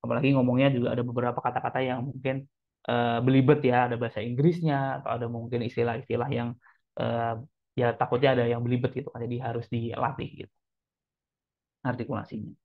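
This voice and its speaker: A man's voice: mid-range voice, level tone, fast talker. Man teaching over a tinny, phone-like line. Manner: chatty, addresses listeners as friends, demonstrates examples. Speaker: public speaking trainer. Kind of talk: casual teaching talk.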